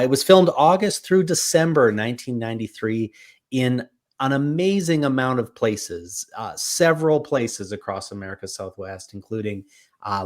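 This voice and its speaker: A man hosting a casual film podcast, rambling through credits and filming places with many fillers. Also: medium pitch. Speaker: podcast host.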